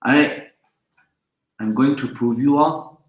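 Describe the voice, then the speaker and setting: A man with a mid-range voice takes his time during a casual live-stream lecture on online freelancing, recorded in an echoey room. His first language is Urdu, and his talk is chatty and rambling, packed with fillers and restarts.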